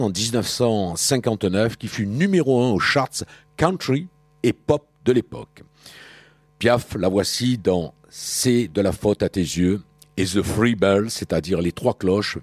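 A man hosting a music radio segment speaks in a low, slightly husky voice. He reads dates and facts at a measured pace, pausing briefly now and then. The sound is dry and close, with no room around it. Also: no echo. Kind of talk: scripted radio narration about songs.

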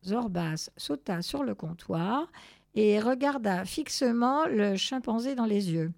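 Woman reading a story aloud, gravelly. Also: mid-range voice, slow pace, dry recording, clean studio sound. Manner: relaxed, with fillers and self-corrections. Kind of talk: casual storybook read-aloud.

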